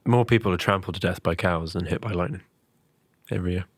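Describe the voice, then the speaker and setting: A man's voice: sits low, quick pace, dry recording. A man with an English accent, co-hosting a casual podcast, telling anecdotes with dry asides. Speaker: podcast co-host.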